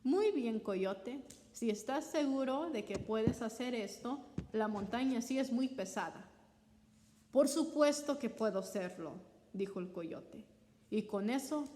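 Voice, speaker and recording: A woman reading a folktale aloud as a storyteller, measured, acting out the characters' voices. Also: on the high side, warm tone. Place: library. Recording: reverberant library hall.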